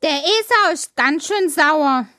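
A shrill indignant woodworm girl. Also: animated, slow, bright, forceful tone, no echo, studio quality, heavily acted. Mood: reflective. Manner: indignant, whiny. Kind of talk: children's audio drama.

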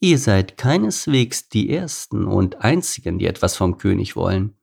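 A man voicing a large, smug baboon with a smooth, pleasant voice in an audiobook story. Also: fairly low pitch, sing-song, a little mellow, full character voice. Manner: condescending, slow.

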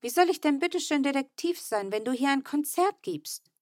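A woman reading an audiobook and voicing a cheeky little girl who plays detective and scolds loudly. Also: animated, moderate pace, no room sound, studio quality. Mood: indignant. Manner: shrill scolding, exclaiming. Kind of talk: audiobook character voice.

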